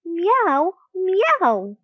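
Woman mewing as high little storybook kittens for a toddler. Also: huge pitch swings, very slow, sharp tone, no room sound, exaggerated voice. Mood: playful. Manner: short repeated meows. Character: small playful kittens and cat mewing. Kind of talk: picture book read to a toddler.

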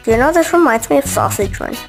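Excitable, lively female game commentator. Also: high-pitched, quick pace, gravelly. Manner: excitable, chatty, talks back to the game. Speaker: gameplay video creator. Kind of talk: casual gameplay commentary. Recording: loud game music behind the voice. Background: game music.

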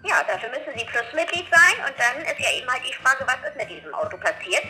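Female call centre agent over the phone, businesslike, lively high voice, music behind. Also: quick pace, rough recording. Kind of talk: customer service phone call.

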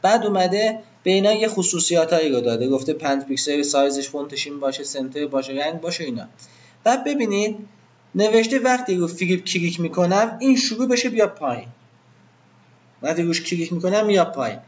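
A man's voice: on the high side, animated, lo-fi sound. A man teaching web design to a live class in an informal way, asking the students questions and then answering them himself.

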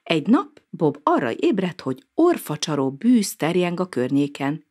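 A woman narrating a children's storybook aloud in an expressive, sing-song manner. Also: fairly low pitch.

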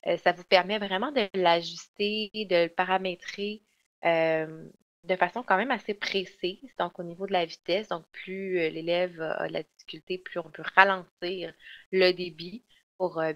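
A woman, presenting software in a webinar and explaining step by step with frequent fillers and restarts. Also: fairly low pitch, fairly even intonation, normal speed. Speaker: software trainer. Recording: dull lo-fi online webinar audio.

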